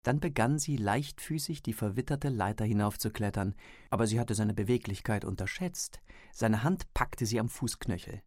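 A man's voice: lowish voice, expressive, moderate pace, a little mellow, dry recording. Male audiobook narrator, dry sound. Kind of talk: scripted narration.

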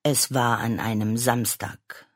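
Woman, children's story reader, slow, expressive, low voice. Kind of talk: reading a children's story aloud.

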